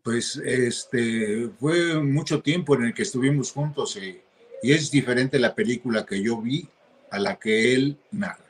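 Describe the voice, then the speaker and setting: A man answering interview questions in a hesitant, halting way, with many restarts. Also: mid-range voice. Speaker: interview guest.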